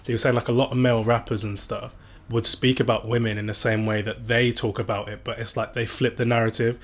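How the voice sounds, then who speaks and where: A man's voice: mid-range voice, flat delivery, fast talker. Rambling man co-hosting a podcast. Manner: rambling, with many "like"s and tag questions. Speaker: podcast co-host. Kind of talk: casual chat.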